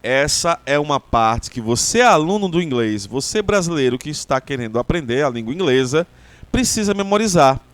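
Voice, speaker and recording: A Brazilian English teacher with a Brazilian Portuguese accent gives a language lesson, explaining slowly and repeating example words. His voice is a little high and animated.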